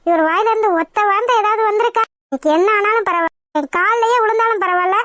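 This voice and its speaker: A proud young wife from a cartoon, voiced by a woman, sulking and scolding with indignation. Her voice is squeaky and extremely high. It is dry and close to the mic. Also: fast talker, a bit bright, dry recording. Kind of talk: cartoon voice acting.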